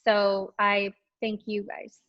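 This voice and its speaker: A woman's voice: medium pitch, monotone, slow, highs cut off. A woman esthetician and clinic owner, a podcast guest, talking in a friendly, chatty way with fillers. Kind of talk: casual interview chat.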